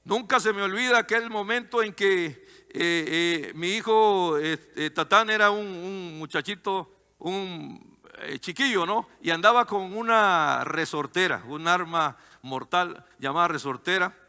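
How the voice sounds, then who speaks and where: A man preaching a sermon as pastor, fervent and emphatic, at times turning soft and tender. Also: high voice, measured pace, smooth, in a large hall. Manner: fervent, rising to loud emphatic cries; turns soft and tender in story parts.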